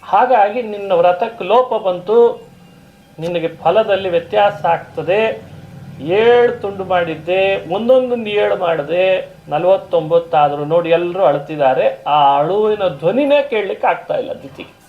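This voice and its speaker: A man's voice: sits high, expressive, unhurried, narrow, tinny audio. A man giving a storytelling sermon. He retells a story with quoted dialogue, explains Sanskrit terms and asks his listeners rhetorical questions. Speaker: religious discourse speaker.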